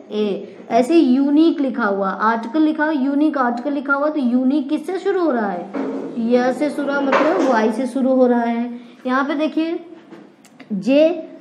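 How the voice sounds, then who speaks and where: A high-pitched woman with an Indian accent gives a grammar lesson, asking her class questions and then answering them herself. Her voice is mellow, and the echoey room carries a faint hum of ambience. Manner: repetitive question-and-answer teaching. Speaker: English teacher.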